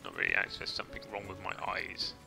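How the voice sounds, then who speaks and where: A man's voice: sits low, steady tone, racing, gravelly, over music. A man casually rambling through a game stream, chatting to viewers with mild swearing. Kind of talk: casual gameplay commentary.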